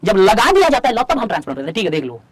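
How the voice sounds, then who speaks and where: A man teaching an online exam-prep class. He talks fast, asks the students rhetorical questions, and slows right down to dictate lines for them to write. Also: sits high, huge pitch swings, breathy edge, dry recording. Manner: fast in Hindi, slow dictation in English. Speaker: civil services exam teacher.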